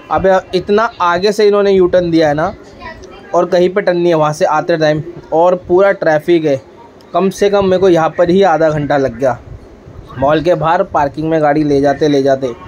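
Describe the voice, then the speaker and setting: A young male vlogger with a somewhat high voice chats casually about the traffic and crowds as he shops, first from his car in traffic and then inside a packed shopping mall. The recording sounds muffled, with loud crowd and street noise throughout.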